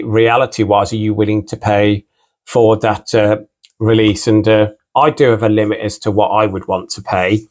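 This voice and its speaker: A man's voice: lowish voice, darkish tone. A British man with a mixed English and Irish accent, a record collector hosting his own channel and chatting casually. He rambles and keeps repeating "again" and "you know.". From United Kingdom. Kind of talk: casual unscripted vlog talk.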